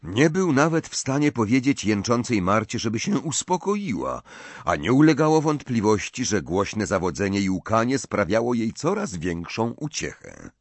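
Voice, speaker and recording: Male audiobook narrator, lowish voice, lively intonation, slow, dry close sound. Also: no room sound. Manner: expressive, tense storytelling.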